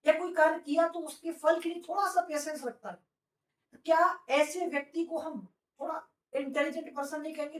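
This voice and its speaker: A woman teaches vocabulary to a class, drilling words through repetition and posing rhetorical questions. Her voice sits high and is far from the mic, in an echoey room.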